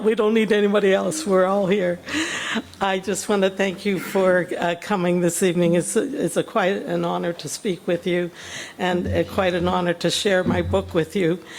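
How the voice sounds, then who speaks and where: An older woman from Western Pennsylvania giving a casual, chatty talk as a guest author, self-deprecating and quick to laugh. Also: fairly low pitch. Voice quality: gravelly, husky.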